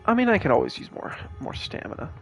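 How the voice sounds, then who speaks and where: Young male streamer, slightly high, tired, rambling casual commentary with fillers and swearing. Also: very animated, fast, creaky, fairly bright tone. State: tired, yawning. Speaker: gaming streamer. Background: game music underneath.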